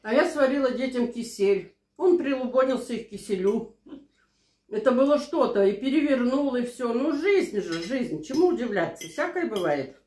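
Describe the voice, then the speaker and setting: A woman's voice: on the high side, lively intonation, normal speed, dark tone. A woman in her sixties chatting casually and telling anecdotes over a meal at home. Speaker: mukbang vlogger. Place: small living room at home, indoors. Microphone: camera across the table. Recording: roomy, echoing home room.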